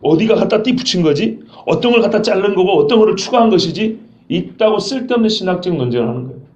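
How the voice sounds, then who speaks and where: A man's voice: sits high, lively intonation, fast talker, a little mellow. A male pastor preaching an expository sermon, acting out scenes and quizzing his congregation. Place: church sanctuary. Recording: roomy dull church recording.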